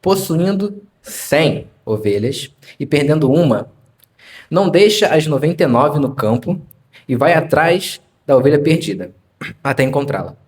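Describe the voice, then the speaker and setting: A man's voice: fairly high pitch, lively intonation, measured pace. A young man with a Rio de Janeiro accent preaching in church, telling a story conversationally and acting out the dialogue in different voices. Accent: Rio de Janeiro Portuguese. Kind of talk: sermon with storytelling.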